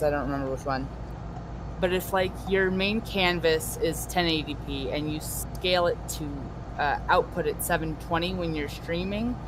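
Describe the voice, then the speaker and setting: A woman's voice: low voice, noisy background. A woman chatting casually on a gaming stream, dryly sarcastic, talking through a headphone mic. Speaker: livestream co-host.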